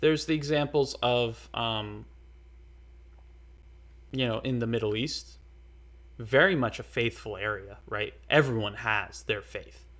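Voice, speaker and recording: Man, casual lecturer, unhurried and rambling, repeats himself, mid-pitched. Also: fairly bright tone. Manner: rambling, repeats words, many fillers.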